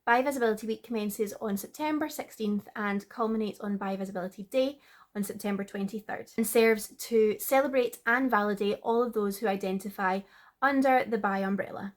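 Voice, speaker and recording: A woman hosting, reading a scripted introduction in an even delivery. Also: medium pitch, fairly quick. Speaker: host.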